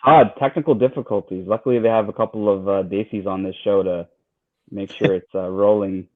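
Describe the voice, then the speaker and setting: A man co-hosting a casual livestream, talking in a relaxed, chatty way with many fillers and repeats. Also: fairly low pitch, a little fast. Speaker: livestream co-host. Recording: tinny phone-like line.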